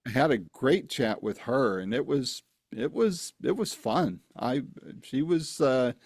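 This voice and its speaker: A man's voice: medium pitch, animated, unhurried, darkish tone, no echo, studio quality. A man chatting casually as an interviewer, talking in a loose, rambling way.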